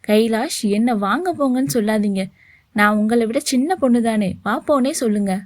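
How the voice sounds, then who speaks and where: A woman's voice: a little high, moderate pace, no echo, close to an everyday voice. Woman voicing Vanmathi, a bold playful young woman. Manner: breezy, forward.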